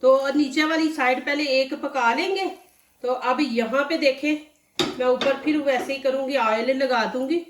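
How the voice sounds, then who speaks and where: This cooking channel host demonstrates a recipe stage by stage in her home kitchen, chatty and instructive, with frequent "see this" remarks despite a sore, dry throat. Her voice sits high and runs a little slow, and background noise, echo, and a distant mic color the recording.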